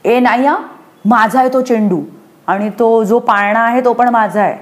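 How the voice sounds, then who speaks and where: A woman voicing a jealous little girl who whines and pleads in a high childish voice. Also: sing-song, unhurried, darkish tone. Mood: shouting.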